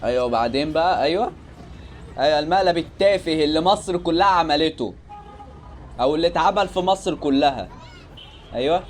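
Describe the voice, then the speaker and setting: A man's voice: a little high, lively intonation, a little fast, pauses often, slight background noise. Joking Egyptian guy reacting to clips. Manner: exclaiming, joking, incredulous. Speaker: YouTuber reacting to videos. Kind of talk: casual reaction commentary.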